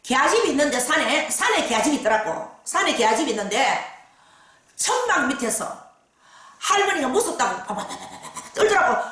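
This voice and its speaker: A woman fortune teller with a Gyeongsang accent telling the story of a client in lively dialect, with many fillers. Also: sits high, brisk, recorded from a distance. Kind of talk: storytelling case account. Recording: very echoey room.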